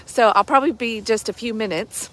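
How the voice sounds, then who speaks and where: A woman talking casually outdoors in a reflective devotional vlog, halting and conversational as she thinks aloud and corrects herself. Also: on the high side, fairly bright tone. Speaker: vlogger giving a daily devotional. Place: outdoors among trees in light rain and snow.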